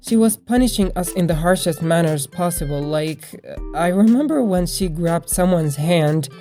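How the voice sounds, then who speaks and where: Young woman storyteller with a low, mellow voice. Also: animated, normal speed. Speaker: storytime video narrator. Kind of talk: personal storytelling narration. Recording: music bed behind the voice. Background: background music.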